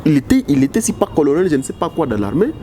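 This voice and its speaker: An impassioned man with a Congolese French accent, giving his views as an interview guest. His voice is mellow and dark, and he often restarts his words. A faint hum sits behind him. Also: on the high side, big pitch swings, very fast. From Democratic Republic of the Congo. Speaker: political analyst guest. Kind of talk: interview answers.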